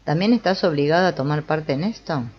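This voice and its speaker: A woman's voice: sits low, animated, a little fast, highs cut off, a little hiss or hum. A woman reading the part of an ashamed, troubled man who speaks in a pained, confessional way.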